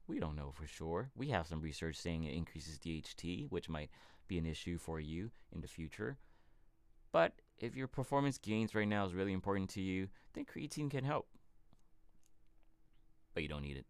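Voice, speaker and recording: A man from California hosting a casual fitness livestream Q&A, answering viewer questions in a relaxed, rambling way. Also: deep voice, normal speed, clear, resonant tone, no echo. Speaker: fitness channel host.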